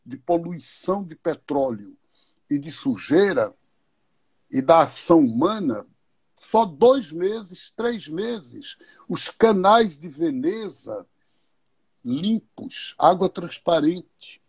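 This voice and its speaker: With a slightly rough, a little mellow voice on the high side, this man speaks animatedly but unhurriedly as a guest in a live online talk. He lays out his views thoughtfully, using questions and examples, and the recording has no room sound.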